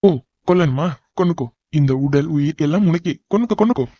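Tamil-accented man for a cartoon dub, fast and exasperated, dark mellow tone, dull lo-fi dry recording. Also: on the high side, expressive, no room sound. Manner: exasperated and pleading. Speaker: voice actor in a cartoon. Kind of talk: animated cartoon dub acting.

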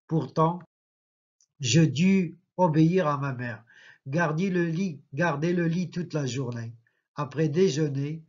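A man, a literature teacher reading a novel aloud and pausing to explain figures of speech. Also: a little high, darkish tone. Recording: slightly muffled lo-fi recording.

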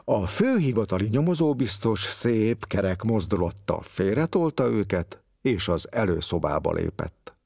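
A man reading a literary story aloud with expressive, varied storytelling. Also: on the low side, vocal fry, few pauses, no room sound, studio quality.

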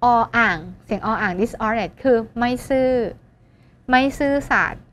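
Woman English tutor with a high voice, quick questions to the class. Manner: lively, asks students questions and answers them herself; mixes English words into her talk. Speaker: English teacher. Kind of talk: exam-prep lesson.

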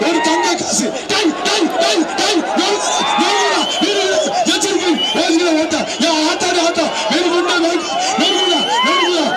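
A man announcing a bull-taming event over a loudspeaker, shouting the bulls' names and the prizes and challenging the tamers. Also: very high-pitched, very noisy. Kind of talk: live event commentary. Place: outdoor bull-taming arena. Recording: echoey, distant loudspeaker sound with loud crowd. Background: large cheering crowd.

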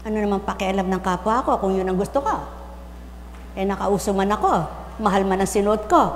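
Woman preaching in an echoey hall. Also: fairly quick. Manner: repeated call-and-response questions to the crowd; surges from low, soft lines to loud, high cries. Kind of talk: sermon to a congregation. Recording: echoey hall with faint hum.

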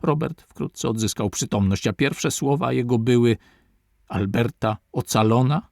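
A man narrating a classic adventure novel aloud in a measured literary reading. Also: medium pitch, vocal fry, a little mellow, no echo, studio quality. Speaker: audiobook narrator.

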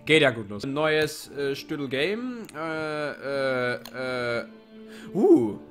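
A young man with a cold doing excitable let's play commentary on a game, with jumpy exclamations and self-mocking remarks. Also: a little high, slow pace, faint music behind. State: sick with a cold, coughing. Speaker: gaming YouTuber.

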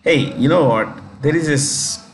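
A man's voice: a little high, measured pace, slight background noise. A man with an Indian English accent teaching a current affairs lesson in a chatty way, often correcting himself and spelling words out.

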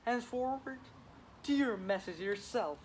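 A man's voice: very high-pitched, animated, a little slow, slight background noise. A teenage boy playing a weary, teasing old woman nurse in a school Shakespeare reading, drawing out complaints about her aches. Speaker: student actor.

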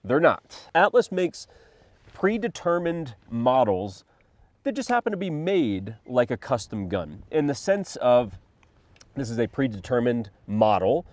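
A man's voice: mid-range voice, sing-song, measured pace, a little mellow, no room sound. A man in his thirties co-hosting a gun review, talking casually with lots of fillers, a little under the weather with a cough. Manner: rambling, filler-heavy, thinks aloud. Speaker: co-host of a firearms review channel.

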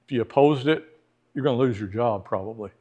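This recording is muffled, capturing a medium-pitched, mellow male voice that runs a little fast. The speaker, a middle-aged man, teaches church history in a church classroom, chatting with the class, asking them questions, and dramatizing those he quotes.

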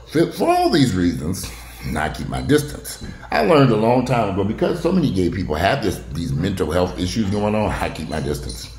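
Here a middle-aged news vlogger speaks in a low, somewhat mellow voice, riffing bluntly and casually with strong opinions, wandering asides and the occasional curse. He's indoors in a sunny home sunroom. The audio carries a spacious echo and a little faint noise.

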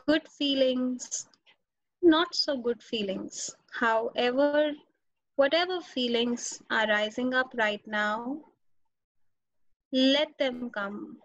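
A woman guides a meditation, speaking slow, soothing instructions with long pauses between them. Her voice sits a little high. She comes through a dull, dry video call line with no room around her. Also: dry recording. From India. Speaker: meditation teacher.

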